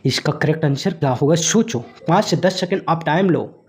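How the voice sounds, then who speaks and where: A man teaching an exam revision lesson, mixing in English terms and pausing to let viewers think, his throat a little sore. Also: on the high side.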